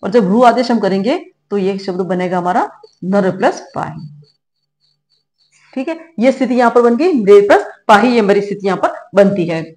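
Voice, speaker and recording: A woman's voice: medium pitch, lively intonation, normal speed, a little mellow. A middle-aged woman teaching a grammar lesson, explaining step by step and checking in often with her students. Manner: patient, explanatory, checks in with "ठीक है" and "है ना". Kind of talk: classroom-style grammar lesson.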